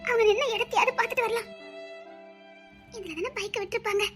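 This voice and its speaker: A woman with a Tirunelveli Tamil accent, voicing a lovesick young woman in an animated story who pines plaintively for her beloved. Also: very high voice, fast, soft background music. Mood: pining. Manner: pining, plaintive.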